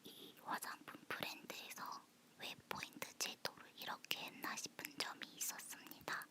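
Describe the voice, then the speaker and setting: A woman chatting in a soft, close ASMR whisper, as if leaning in to the listener. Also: moderate pace. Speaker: ASMR host. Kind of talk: whispered ASMR personal chat.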